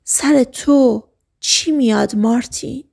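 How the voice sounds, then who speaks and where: A woman voicing an emotional, upset teenage girl in an audiobook, with high, agitated outbursts. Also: gravelly, a little mellow, slightly rough. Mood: hushed.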